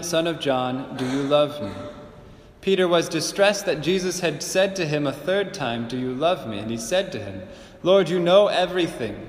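A priest proclaiming the gospel and preaching a homily in a measured, earnest way, his voice carrying a cathedral echo. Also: fairly high pitch. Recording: echoey church with long reverb, faint hiss.

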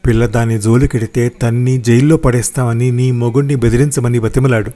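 A man voicing a calm, kind lady officer who gives measured advice. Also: medium pitch, voice pushed down, natural voice.

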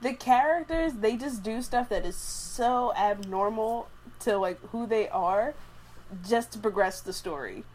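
A young woman talks through a book in casual chat, animated and exasperated. Her voice sits fairly high, and she keeps dropping "like" between her thoughts. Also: measured pace, background noise. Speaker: book discussion participant.

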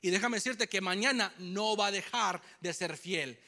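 A young man preaching a sermon to a congregation, telling a personal story with animated delivery and English phrases mixed in. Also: high voice, normal speed. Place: church hall with congregation.

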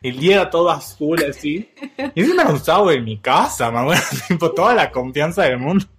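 A young man with an Argentine accent telling a story in casual chat, animated and quick to laugh. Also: fairly high pitch. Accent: Argentine Spanish. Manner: animated, laughs often, acts out quotes.

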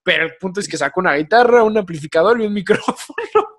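A young man with a Mexican accent hosting a casual podcast chat, telling stories in slangy, animated talk. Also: high-pitched, quick pace. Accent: Mexican Spanish. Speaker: podcast host.

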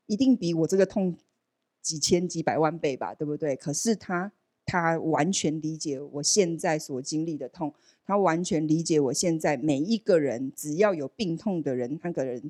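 A woman giving a personal testimony at a church service, telling her story in an animated way and acting out the dialogue she quotes. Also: on the low side, no echo, clean studio sound. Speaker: church member sharing a testimony.

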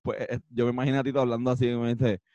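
A Puerto Rican man in his twenties co-hosts a casual podcast chat, joking around, dropping slang and imitating voices. His medium-pitched voice is level and mellow but races along, and the audio sounds dull.

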